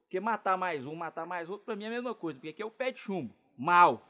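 A man playing a furious, threatening father who shouts from a distance. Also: high-pitched, animated, quick pace, dull audio. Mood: menacing. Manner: shouting, menacing. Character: hot-tempered, threatening father.

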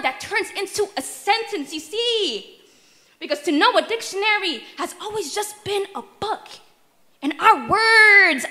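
Young woman, spoken word poet, high voice, rhythmic emphatic delivery, stand mic, indoor hall. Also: sharp tone. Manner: rhythmic, emphatic, with deliberate stammered repetitions. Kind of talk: spoken word poetry performance. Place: wood-paneled hall, indoors. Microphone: stand microphone.

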